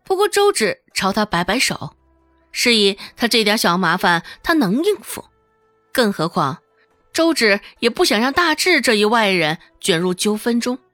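A woman narrating a serialized novel as an audiobook, in a lively storytelling manner, voicing all the characters herself. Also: medium pitch, normal speed, no echo, faint music behind.

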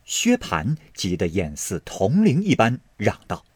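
A man narrating a classic novel with a husky voice and a lively, wide-ranging delivery. The sound is close and dry, with no room around it. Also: fairly low pitch, a little slow, no echo. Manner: expressive, dramatic storytelling. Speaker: audiobook narrator.

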